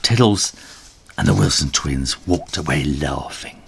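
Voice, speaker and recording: A man reads his own children's story aloud in an animated storybook style, his voice husky and very deep. He goes a little slowly, with slight background noise.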